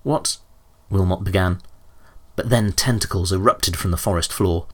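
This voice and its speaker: A man reading a children's story aloud, lively and expressive. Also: low-pitched, normal speed. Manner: expressive, animated character voices. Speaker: narrator. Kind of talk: audiobook storytelling.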